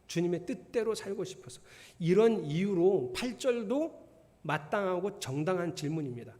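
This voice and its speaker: A man's voice: sits high, darkish tone, in a large hall. A middle-aged male pastor preaching a sermon in a chatty style, often acting out the voices of the people in his story. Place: church sanctuary.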